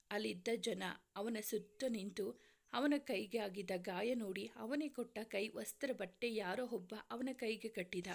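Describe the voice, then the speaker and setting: A woman narrating a serialized romance story in a calm, measured storytelling way. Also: fairly high pitch.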